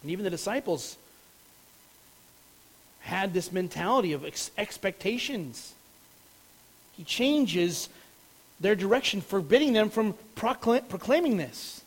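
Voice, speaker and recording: High-voiced man preaching a sermon. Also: animated, measured pace, pauses often, low-quality recording. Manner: earnest, explanatory, emphatic at key words. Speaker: pastor.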